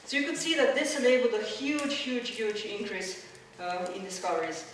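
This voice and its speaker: Speaking at normal speed in a mid-range voice, a Croatian woman explains science to the public with slides, often filling pauses and starting sentences over. The microphone sits at a distance in a very reverberant, echoey hall. A faint hum from the room lies beneath her.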